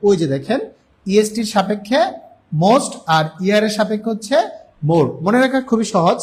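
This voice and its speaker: A young Bangladeshi man with a high voice and a Bangladeshi Bengali accent teaches English grammar in a live online class. He keeps posing questions to his students and immediately answering them himself, stretching out the English example words slowly so they're easy to follow. His delivery is animated, with a slight hiss or hum in the audio.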